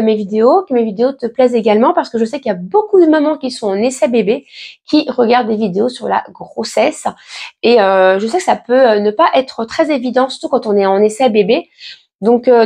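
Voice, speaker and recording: A pregnant vlogger in her late thirties answers viewer questions in a casual, reassuring chat packed with fillers and restarts. Her voice is fairly high, animated, husky and darkish, and she talks fairly quickly.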